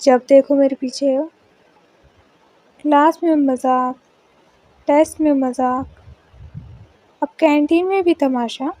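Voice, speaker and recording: Kabir, a serious, short-tempered young college topper voiced by a woman, scolding indignantly. The voice is high and mellow, and the lines come at a slow pace. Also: steady tone, dry recording. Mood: annoyed.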